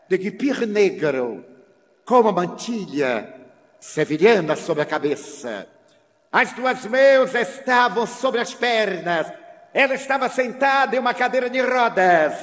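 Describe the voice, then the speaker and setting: A man telling a dramatic story in a grave, deliberate way. Long hall reverb. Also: sits high, a bit bright.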